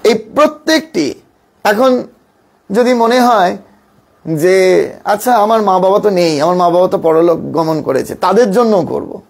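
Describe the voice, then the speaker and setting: A man, a monk, giving a calm devotional teaching talk, repeating phrases and dropping low and slow on key points. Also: breathy edge. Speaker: monk teaching spiritual practice.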